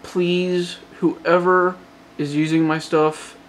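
A man's voice: sits high, level tone, takes it slowly, a little hiss or hum. Rambling Southern man, late-night update. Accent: Southern US, Georgia. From Georgia, US. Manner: rambling, frequent restarts and fillers. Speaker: hobbyist phone modder. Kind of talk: casual vlog update.

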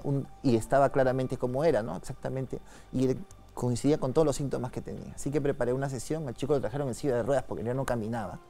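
Un hombre con acento peruano, invitado ocultista, que narra con calma y en voz baja una experiencia personal en una entrevista. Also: male voice, mid-range voice. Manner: soft-spoken, calm storytelling with frequent tag questions. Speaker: occultist guest. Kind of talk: telling a personal story in an interview.

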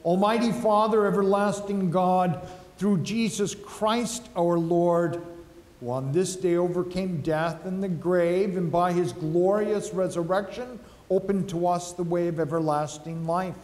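A male pastor slowly and solemnly reciting liturgical prayers, heard with a long cathedral echo in a large church. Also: sits high, a little mellow. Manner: slow, measured, solemn recitation. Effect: cathedral echo, long church reverb. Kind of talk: liturgical prayer and communion rite. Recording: echoey church hall with faint music.

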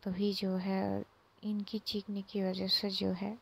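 A woman's voice: completely flat delivery, slow pace, gravelly, husky. A woman casually retelling a romance episode by episode, acting out the characters' quoted lines. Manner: retells a love story, acting out quoted lines with rising pitch. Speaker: storyteller. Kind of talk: casual storytelling narration with quoted dialogue.

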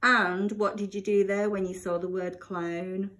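A woman teacher, warm and full of praise, coaching a young child through a reading lesson with expressive, swooping intonation. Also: medium pitch, measured pace. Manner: warm, encouraging, lots of praise.

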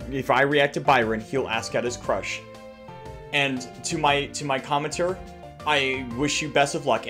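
A young man with a mid-range, fairly bright voice hosts a YouTube gaming channel from a small room at home. His commentary is casual and jokey, packed with exaggerated reactions and crude slang.

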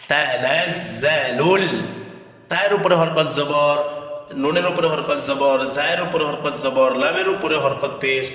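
A man with a fairly high voice teaches Quran recitation step by step, spelling out each letter and then chanting the words slowly and in a drawn-out, sung way. He is heard from some way off the mic, and a long echo rings around him as in a large hall. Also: a bit bright, far from the mic. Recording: echoey hall, voice from afar.

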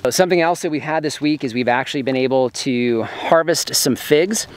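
A homesteading vlogger shows off his fruit trees to the camera, walking through his orchard with casual enthusiasm and sometimes eating as he talks. His voice is medium-pitched and a little quick, with slight background noise.

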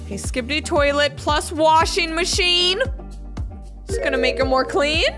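Very high-pitched, theatrical woman reacting. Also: moderate pace, music in the background. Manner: theatrical, exaggerated gasps and exclamations. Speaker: host of a reaction video. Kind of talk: playful kid-friendly reaction commentary.

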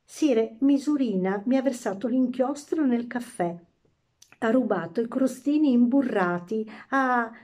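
Brief: fussy, aggrieved courtier, voiced by a woman reader, pitch up, storybook. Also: unhurried, darkish tone. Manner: aggrieved, listing complaints. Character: complaining male courtier.

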